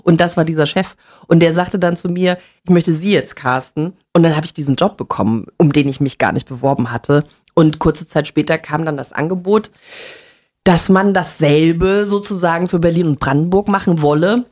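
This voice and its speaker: A woman in middle age, raised in Munich, who presents on TV and radio. She talks in a somewhat low voice, chatting casually and telling lively, laughing stories. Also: moderate pace. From Munich, Bavaria. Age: middle-aged. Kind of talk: casual conversation.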